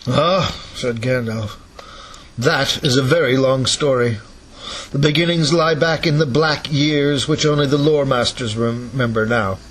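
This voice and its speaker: A man voicing an ancient, wise male wizard in an amateur read-aloud, speaking slowly, low and solemn. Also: fairly bright tone, slight background noise, lightly acted, poor audio. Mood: weary. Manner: slow, low and solemn delivery.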